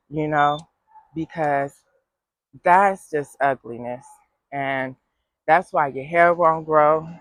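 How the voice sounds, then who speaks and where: A woman's voice: low-pitched, fairly bright tone, no room sound, low-quality recording. A woman vlogging in a casual, heartfelt way, giving frank, folksy advice with some sass and a preachy streak. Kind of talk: casual heartfelt vlog talk.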